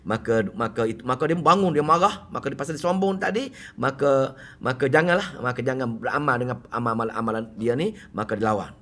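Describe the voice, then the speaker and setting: A middle-aged man with a Malaysian Malay accent giving a mosque lecture on Quran commentary, animated and full of rhetorical questions. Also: mid-range voice, quick pace. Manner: animated, rhetorical questions, acts out quoted speech loudly.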